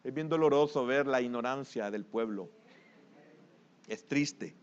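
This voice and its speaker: A man with a Salvadoran Spanish accent preaching a sermon as pastor, moving between hushed asides and loud rising exhortation. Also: mid-range voice, measured pace, clean tone, muffled recording.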